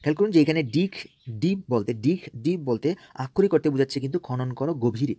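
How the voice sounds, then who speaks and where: A man teaching English by reading newspaper phrases aloud, explaining them slowly and repeating key words. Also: on the high side, expressive, dark tone, no echo.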